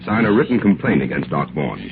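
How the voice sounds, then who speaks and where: An actor playing a level-headed, genial adviser in an old radio drama, speaking in a measured, reasonable way. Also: male voice, sits low, big pitch swings, phone-quality sound. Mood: calm, reasoning. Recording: very noisy, band-limited old radio recording.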